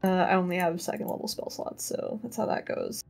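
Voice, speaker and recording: A woman's voice: lowish voice, brisk, gravelly, a little mellow. A woman chatting casually as a player in a tabletop game, thinking aloud and often repeating words. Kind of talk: casual improvised game chat.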